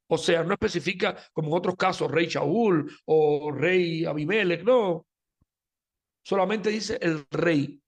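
Male Bible teacher, high voice, storytelling sermon delivery, talks to listeners directly. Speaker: Torah teacher. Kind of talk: sermon-style Bible lesson.

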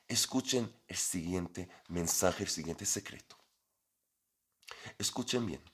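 A man's voice: medium pitch, a bit bright. A man teaching a religious lesson, retelling a scripture story with animation and asking his listeners rhetorical questions.

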